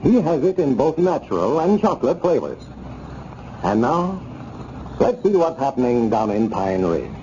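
Lively old-time radio announcer man. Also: medium pitch, normal speed, slight background noise. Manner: upbeat, salesy announcer delivery. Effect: old radio broadcast sound. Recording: dull, lo-fi old radio recording.

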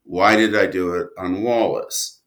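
Appearing casually as an interview guest, a male writer trails off and restarts his thoughts animatedly, speaking in a low, unhurried voice.

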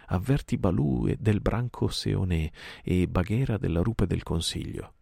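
A man's voice: unhurried, gravelly, breathy edge, no echo, clean studio sound, heavily acted. A man voicing the boy Mowgli, calling out urgently in a raised voice for an audiobook reading. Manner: urgent high shouting. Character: frightened boy-cub Mowgli calling for help.

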